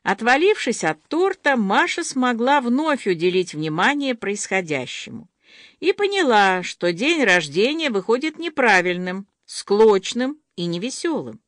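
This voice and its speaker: A woman narrating an audiobook in an expressive, storytelling manner. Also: fairly high pitch, unhurried, no room sound, clean studio sound.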